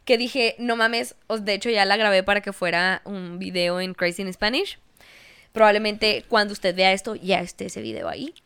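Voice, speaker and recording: Bright, clear Mexican woman hosting. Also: medium pitch, moderate pace. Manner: swears freely, laughs often, lively storytelling. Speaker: podcast host. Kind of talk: casual chat.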